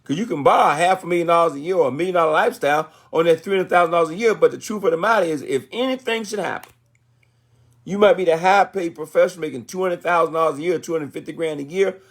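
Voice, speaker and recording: Speaking fast in a fairly high voice, an American motivational business speaker in his sixties gives a livestream talk. He's folksy and colloquial, repeating phrases for emphasis.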